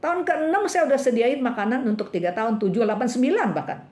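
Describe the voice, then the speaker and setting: Speaking fast, a woman preaches to a church women's fellowship in a meeting room, weaving a story into her bilingual sermon. She tells it with lively energy, lifting her voice higher to act out the characters' cries.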